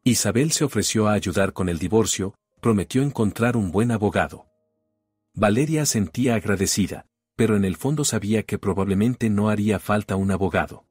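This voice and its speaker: A man giving a scripted narration of a domestic drama story in an even, measured reading. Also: on the low side, husky, dry recording.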